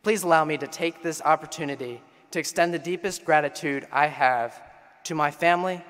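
Long reverb trails the fairly high, somewhat bright voice of a young Pennsylvania man giving his class's commencement speech. As class president he speaks formally into a podium microphone on a large stage, rallying the crowd with call-and-response refrains.

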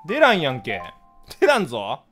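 A man with a Kansai accent chatting casually with his live-stream viewers, blunt and scolding in rapid-fire retorts. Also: on the high side, huge pitch swings, a bit bright, faint music behind. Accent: Kansai Japanese.

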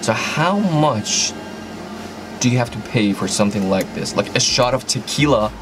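With music clearly behind him, a young man runs a casual interview. His delivery is lively and swooping, and he teases and repeats himself. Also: medium pitch, normal speed. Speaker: interviewer, host. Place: small curtained booth. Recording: music in the background.

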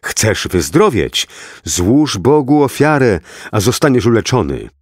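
A man voicing a greedy, smooth-talking false prophet in an audiobook, preaching in an insistent, coaxing way. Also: sits low, big pitch swings, slow, darkish tone, no echo, studio quality, full character voice. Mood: shouting.

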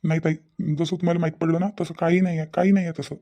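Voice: mid-range voice, flat delivery, rapid-fire, warm tone, close to an everyday voice. A performer voicing a nervous young village man in a cartoon, pleading. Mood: defensive. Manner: pleading, defensive.

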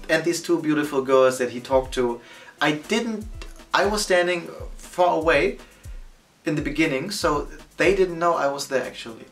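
A man in his thirties speaks animatedly to the camera in a studio, his voice sitting a little high. The mic is set back from him, and soft music plays underneath. He sounds casual and chatty, like a vlogger. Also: recorded from a distance. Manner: animated, gesturing with both hands. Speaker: photography vlogger. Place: indoor studio against a plain backdrop.

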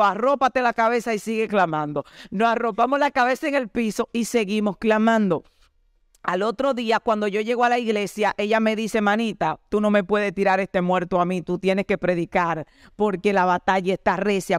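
A woman pastor tells her story with lively, acted-out dialogue. Her voice is high and smooth. The sound is close and dry. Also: no echo. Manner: animated storyteller acting out dialogue. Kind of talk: testimony in an interview.

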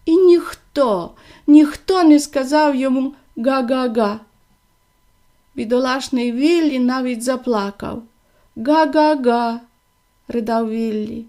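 A woman gently and expressively reading a children's fairy tale aloud. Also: high-pitched, unhurried. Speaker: storyteller.

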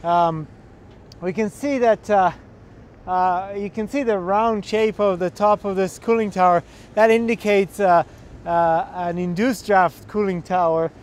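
A man's voice: high voice, a little slow. Young man explaining on a rooftop. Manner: hesitant, many filler sounds and restarts. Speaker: energy auditor instructor. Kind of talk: instructional walkthrough. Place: outdoors on a building rooftop. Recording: faint outdoor noise.

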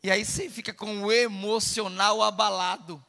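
A man's voice: sits high, fairly even intonation, moderate pace, vocal fry, bright, forceful tone, in a large hall. A man with a Brazilian Portuguese accent preaching a fervent, emphatic sermon as a pastor.

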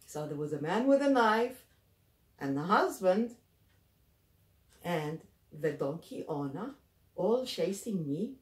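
A woman telling a children's folk tale with a lively, swooping voice. She narrates expressively, recorded in a roomy space a little away from the mic. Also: on the low side, slow, long pauses, recorded from a distance. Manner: animated, expressive. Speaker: storyteller. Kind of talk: oral storytelling for children.

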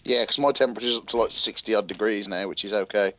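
A man's voice: fairly low pitch, quick pace, bright, forceful tone, a little hiss or hum, poor audio. A man playing a co-op survival game with a friend, giving short matter-of-fact replies. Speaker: co-op game partner. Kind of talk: casual let's-play chat.

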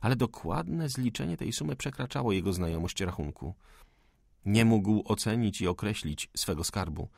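A male audiobook narrator reads classic prose in a measured, steady storytelling manner. His voice is husky and gravelly. The recording is close and dry, with no room echo. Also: lowish voice.

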